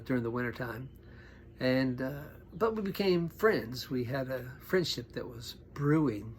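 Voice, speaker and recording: A middle-aged pastor telling personal stories in an animated way, sometimes dropping to a near whisper. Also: male voice, medium pitch, a little hiss or hum. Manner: animated, acts out quoted voices, drops to a near whisper at tense moments. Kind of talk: storytelling monologue.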